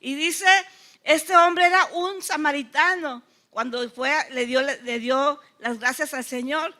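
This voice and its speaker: A woman's voice: high-pitched, takes it slowly. A woman from Mexico preaching a sermon to a church, often asking the congregation rhetorical questions. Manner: acts out the lepers' cries loudly.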